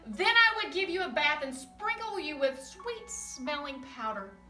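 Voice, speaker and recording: A woman's voice: high-pitched, big pitch swings, measured pace, echoey room, recorded from a distance, faint music behind, voice pushed up, exaggerated voice. A woman reading a loving storybook mama. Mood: loving, soothing. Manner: warm and reassuring. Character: loving, patient storybook mother.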